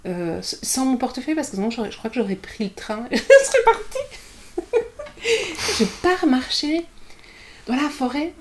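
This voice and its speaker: A middle-aged woman, a guest author telling her story in a candid podcast conversation, animated and self-mocking. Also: a little high, a little hiss or hum. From Belgium.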